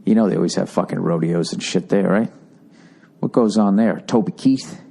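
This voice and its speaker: A man's voice: low-pitched, moderate pace, creaky, warm tone, slightly rough. A middle-aged man rambling casually as a podcasting comedian, profane and sarcastic, and he jumps into mocking voices. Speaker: comedian hosting a podcast, answering listener letters.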